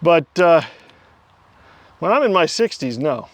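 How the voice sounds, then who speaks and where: A man's voice: a little high, big pitch swings, unhurried, no echo. A man in his fifties hosting a casual vlog, rambling and talking to himself while he works outdoors. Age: 50s. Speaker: channel host. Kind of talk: casual vlog talk to camera.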